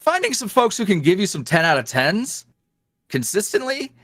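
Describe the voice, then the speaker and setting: A high-pitched man at normal speed talks loosely as a guest on a podcast, where he discusses making ASMR roleplays. He's animated, frequently trailing off and starting again, with laughs between thoughts. The recording is clean studio sound with no echo.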